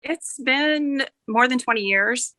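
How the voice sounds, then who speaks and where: A woman's voice: sits high, slow pace, sharp tone, dry recording. A mature woman chatting casually as an author guest, rambling a little and correcting herself as she goes. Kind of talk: casual interview chat.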